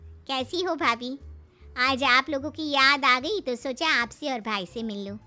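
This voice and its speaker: Slow, drawn-out cartoon aunt, voiced by a woman. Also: sits high, pushed and bright, soft background music, heavily acted. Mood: friendly.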